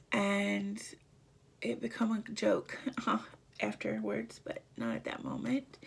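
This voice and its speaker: A woman vlogger telling a personal story in a halting, emotional way, often dropping to a near whisper. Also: on the high side, vocal fry, slightly rough.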